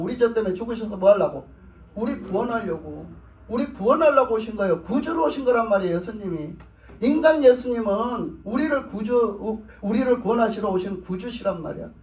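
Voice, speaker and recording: A high-pitched male pastor preaches, often asking his congregation questions and answering them himself. He is recorded from a distance in a roomy church, and the sound is somewhat dull. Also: a little mellow. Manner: plain conversational speech with repeated phrases. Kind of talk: sermon. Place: church sanctuary.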